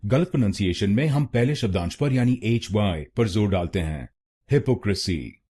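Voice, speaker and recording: A man with an Indian accent giving a scripted pronunciation lesson, saying each syllable slowly and twice. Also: fairly low pitch, animated, warm tone, slightly rough. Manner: slow, deliberate, repeats each syllable twice. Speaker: pronunciation teacher.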